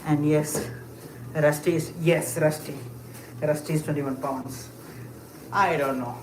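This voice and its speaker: A livestreamer with a medium-pitched, darkish voice speaks slowly and fairly evenly while walking. Answering chat in a casual live session, they muse aloud with lots of fillers and brief laughs, in an echoey space with clear ambient noise.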